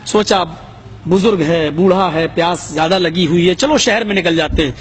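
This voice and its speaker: A man preaching a sermon, telling a story with dramatic rises in his voice. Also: a little hiss or hum. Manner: dramatic, rising pitch for quoted voices.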